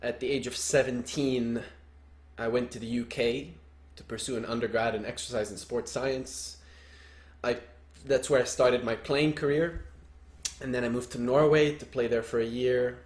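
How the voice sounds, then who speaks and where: A young man from Lebanon co-hosting a soccer coaching podcast, relaxed and dry-humored. His voice sits at a middle pitch, and he is recorded in a roomy, echoey space. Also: normal speed. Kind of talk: casual podcast chat.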